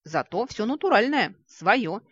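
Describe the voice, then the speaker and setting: A reader voicing a playful, quick-witted young man who talks in mock-serious banter. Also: mid-range voice, big pitch swings, a bit bright, husky, dry recording, voice pushed up, full character voice. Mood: joking. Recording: dry, slightly dull recording.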